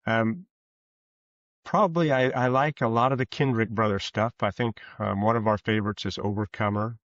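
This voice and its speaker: Here a Kansas-raised author and ex-cop in his sixties speaks as a guest in an interview, his fairly low, slightly bright voice holding a fairly even intonation. His casual answers come out halting and hesitant, peppered with folksy turns of phrase, captured in a roomy, dull lo-fi recording.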